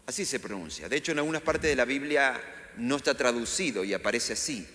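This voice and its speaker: Rioplatense pastor preaching in an echoey hall. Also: male voice, medium pitch, fast talker. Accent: Rioplatense Spanish. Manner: lively, acts out quotes in raised voices. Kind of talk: sermon. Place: church hall. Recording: echoey church hall, faint ambience.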